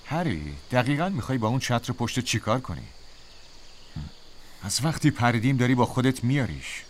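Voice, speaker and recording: Casting note: a man as a dry, teasing officer friend, very lively pitch. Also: a little hiss or hum, close to an everyday voice. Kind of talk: dubbed war film dialogue.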